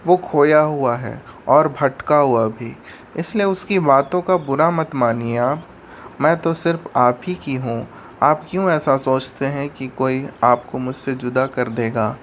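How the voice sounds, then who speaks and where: A gentle young wife, voiced by a man, soothes her jealous husband with a pleading, tender manner. She sounds mid-pitched for a man, with faint noise behind the voice in this animated story. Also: a little slow, natural voice. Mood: soothing.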